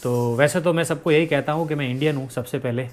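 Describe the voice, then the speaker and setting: A man in his thirties who grew up in Rajasthan, India, talks fast in a slightly high voice. He's a vlogger giving a chatty indoor tour of his apartment, leading viewers room by room on a handheld phone in a casual house tour vlog.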